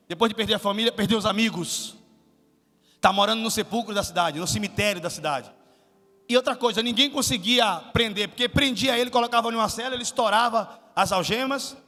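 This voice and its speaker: A high-pitched man delivers a sermon in a church hall, his tone bright and sharp. He questions the congregation and swells to shouts. Long reverb and faint music linger behind him. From Salvador, Brazil. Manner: asks the congregation questions, builds to shouted climaxes. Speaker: guest pastor.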